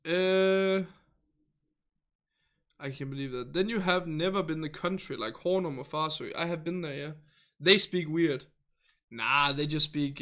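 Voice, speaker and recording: A man's voice: fairly high pitch, sharp tone. A man from northern Denmark with a Danish accent, a native Danish speaker hosting a casual livestream in English, reading viewer chat and rambling chattily while searching for words and laughing often.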